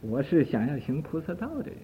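A calm, kindly monk offering help, mid-pitched and halting, voiced by an older male storyteller, on thin phone-like tape. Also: a little hiss or hum, close to an everyday voice. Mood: reassuring. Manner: gentle, reassuring, slightly halting. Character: earnest, kindly monk set on helping others. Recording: tinny lo-fi archive tape.

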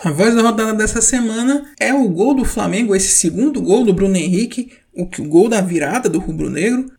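A man's voice: high-pitched, lively intonation, fairly quick, gravelly, a little mellow, slight background noise. A man with a Brazilian accent hosting a football round-up in informal scripted narration, emphatic and colloquial, with playful slang.

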